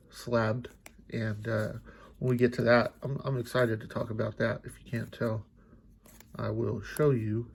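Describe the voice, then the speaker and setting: This card collecting channel host sounds congested and stuffy as he opens packs and chats casually, musing aloud with lots of fillers. His medium-pitched voice is husky with vocal fry.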